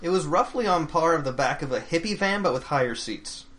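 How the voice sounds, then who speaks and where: A man's voice: on the high side, lively intonation, a little fast, fairly bright tone. A young man, a game master, trading dry jokes and stories in a casual podcast chat. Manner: dry wisecracking. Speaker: game master and advice blogger. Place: studio.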